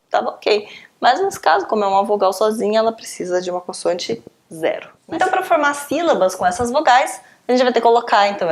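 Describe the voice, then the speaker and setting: A woman teaching a beginners' language lesson, explaining step by step and often checking in with her students. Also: fairly high pitch. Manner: patient, explaining step by step with frequent check-ins. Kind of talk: online lesson.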